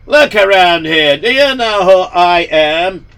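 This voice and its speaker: A man's voice: sits high, expressive, a bit bright, clear, resonant tone, distant mic, voice pushed up, exaggerated voice. A man putting on a pompous, temperamental rich tycoon. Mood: indignant. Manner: haughty, indignant, drawn-out exclamations. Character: arrogant rich older man, boastful and temperamental.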